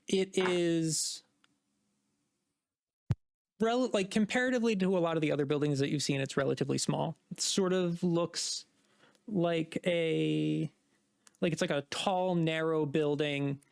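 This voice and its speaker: A man's voice: on the high side, fairly even intonation, unhurried, gravelly, no echo. A man narrating a tabletop game as game master, describing scenes with many likes and restarts. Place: home streaming setup.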